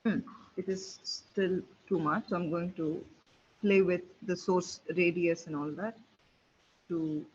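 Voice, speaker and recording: High-voiced man demoing software. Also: fairly even intonation, slow pace. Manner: thinking aloud while clicking through a tool. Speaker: webinar presenter. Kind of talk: live software demo walkthrough. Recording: dull lo-fi webinar audio with faint hiss.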